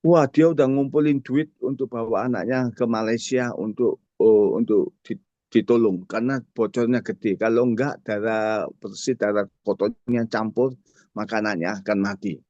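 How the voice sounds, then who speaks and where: Speaking directly to the congregation at a prayer fellowship, this Indonesian man in his sixties recounts a story as a sermon testimony. He has a lowish, dark voice with fairly even intonation and a normal speed. The sound is dry and dull.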